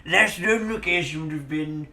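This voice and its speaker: A man narrating as game master of a tabletop game, halting, with frequent restarts and easy chuckles. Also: on the high side, a crowd in the background. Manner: halting, many fillers and restarts, relaxed chuckles.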